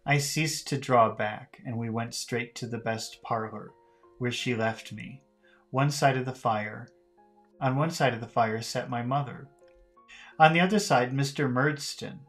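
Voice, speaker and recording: A man's voice: medium pitch, measured pace, fairly bright tone. Man reading a novel aloud. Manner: careful reading with slips and self-corrections. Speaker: audiobook reader for learners. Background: faint music.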